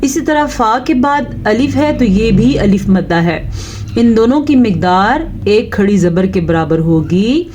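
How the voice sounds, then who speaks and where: A woman teaching Quran recitation step by step, explaining patiently and drawing out each recited word slowly. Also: medium pitch, animated, a little mellow, slight background noise. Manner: slow, patient explaining with drawn-out recited words.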